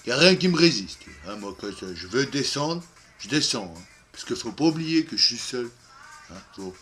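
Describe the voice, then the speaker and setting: A man's voice: mid-range voice, big pitch swings, normal speed, bright, forceful tone, faint music behind. A man playing a lonely, boastful, boozy man in a comic monologue, rambling with constant fillers and trailing off into mumbles.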